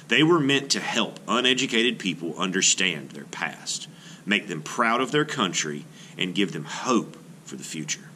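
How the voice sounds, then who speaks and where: Here a middle-aged man narrates a children's nonfiction book in the manner of an art teacher, clear, measured and expressive. His pitch sits fairly low, and a little hiss or hum can be heard.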